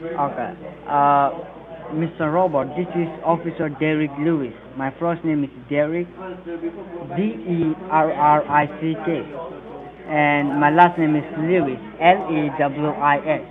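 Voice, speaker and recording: Man on a phone line, slightly high voice, spells stuff out letter by letter, crowd noise behind. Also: fairly even intonation. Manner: spells out details slowly. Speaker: scam caller posing as an officer.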